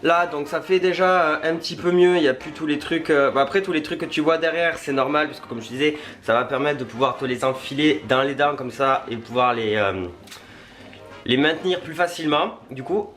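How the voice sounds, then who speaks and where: A video creator testing a product chats informally through a hands-on tutorial vlog in his home kitchen, loosely spoken and self-deprecating with some mild swearing. His voice is on the high side, a bit bright and fairly quick.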